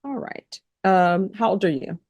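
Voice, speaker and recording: Her mid-range voice is expressive and darkish, delivered at a measured pace with no echo. She is a woman judge presiding over a court hearing who questions people formally and procedurally and spells out names.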